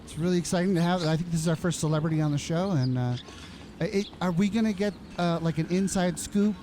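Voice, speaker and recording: A man's voice: sits high, fast, mellow, a little hiss or hum. A man hosting a casual comic interview, hesitant and bemused, often stammering and restarting. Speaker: show host.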